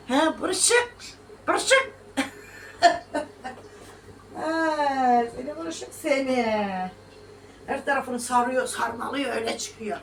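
A high-pitched woman in her thirties chats through a home cooking video and mocks her critics with laughs. Her voice sits a little away from the phone, in an echoey kitchen with faint room noise behind her. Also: a bit bright, distant mic. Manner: chatty, scolding and mocking critics with laughs. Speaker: vlogger. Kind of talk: casual cooking vlog, talking to viewers.

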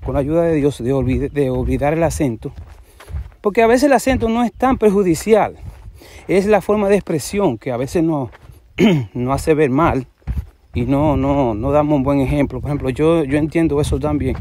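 A man's voice: a little high, moderate pace, mellow. A man from the Dominican Republic with a Cibao accent, giving unscripted religious commentary to camera and rambling from one point to another with frequent restarts. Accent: Dominican, Cibao region.

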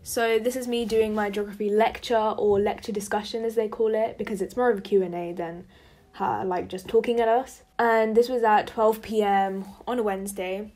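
A woman's voice: mid-range voice, fairly even intonation, normal speed, a little mellow. Young woman student vlogging her week, chatty, lots of "like" and "um". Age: young adult. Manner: chatty, many fillers like "like" and "um". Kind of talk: casual vlog narration.

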